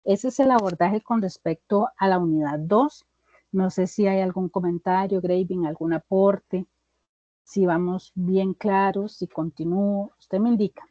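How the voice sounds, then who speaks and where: Woman tutor with a dark, mellow voice. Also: mid-range voice, unhurried, dry recording, highs cut off. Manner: explains step by step, checks in with students. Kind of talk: online tutoring lecture.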